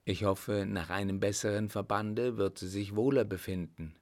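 A man's voice: fairly low pitch, steady tone, moderate pace, a little mellow, lightly acted. A man voicing a young army captain in a story reading, answering in terse, respectful replies.

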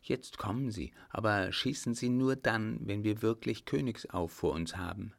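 Guy doing a sneaky baron plotting in the dark, gravelly low voice. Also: moderate pace. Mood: conspiratorial. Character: plotting nobleman baron, cautious conspirator.

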